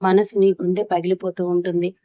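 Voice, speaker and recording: Woman storyteller, scripted narration, flat even delivery, dull dry recording. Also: fairly low pitch, normal speed, dry recording. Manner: steady even reading.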